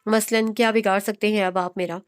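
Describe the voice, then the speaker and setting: A woman's voice: medium pitch, fairly even intonation, a little fast, smooth, faint music behind, natural voice. A woman voicing a defiant young heroine who mocks the man courting her. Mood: taunting. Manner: taunting, sharp.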